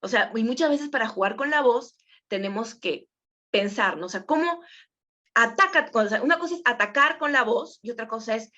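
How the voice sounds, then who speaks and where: A woman's voice: fairly high pitch, expressive, moderate pace, pushed and bright. Female voice coach giving a casual workshop lesson, often checks in with the class, muffled recording. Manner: conversational, many fillers, asks the class questions. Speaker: voice and presenting teacher.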